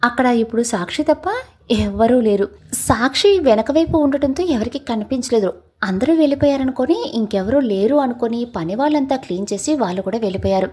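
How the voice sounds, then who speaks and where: Husky-voiced woman narrating a story. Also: a little high, animated, brisk, a little mellow.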